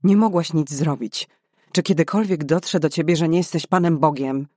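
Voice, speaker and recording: A driven young woman doctor fighting to save a life, urgent and raw with emotion, as a male narrator puts her on. The voice sits a little high and the sound is dry and close, with no room around it. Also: moderate pace, darkish tone, no echo, natural voice. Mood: despairing. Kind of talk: audiobook character voice.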